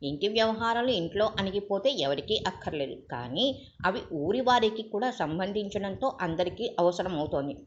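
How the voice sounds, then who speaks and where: A woman's voice: mid-range voice, lively intonation, normal speed, slight background noise, lightly acted. A woman voicing an indignant young male doctor who sternly questions others, on a muffled recording.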